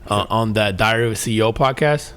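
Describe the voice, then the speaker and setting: A man's voice: fairly low pitch, fast talker, fairly bright tone, smooth. A man co-hosting a podcast in casual chat, telling stories in a laid-back, rambling way with lots of fillers and the odd swear word. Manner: swears and laughs easily. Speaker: podcast co-host.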